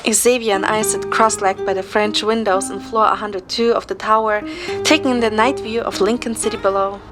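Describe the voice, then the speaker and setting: Over music, a young amateur narrator and voice actor tells a romantic story in the first person and acts out its dialogue. Her mid-range voice stays steady at a normal speed.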